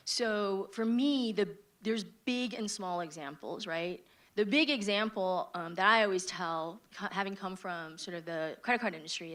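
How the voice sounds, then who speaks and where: A woman's voice: medium pitch, fairly bright tone. A woman in her forties speaks on a business panel. She explains her ideas in an orderly, point-by-point way and draws in the audience with questions. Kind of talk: panel answer.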